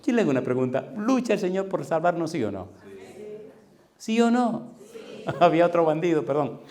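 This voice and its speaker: A middle-aged male pastor preaching a sermon, telling a story with lively acted-out dialogue and sound effects. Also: fairly high pitch, normal speed. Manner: animated, acts out dialogue and makes sound effects.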